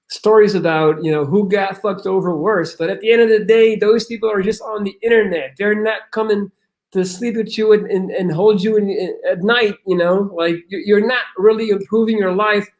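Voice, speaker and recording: A young man from Belgium, a podcast guest talking in casual chat, blunt and rambling, swearing often and restarting his sentences. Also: sits high.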